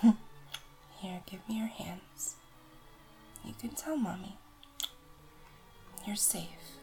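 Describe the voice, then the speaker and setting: There's vocal fry in this woman's mid-range voice as she whispers gently and tenderly, coaxing the listener in an intimate audio roleplay. Music plays in the background.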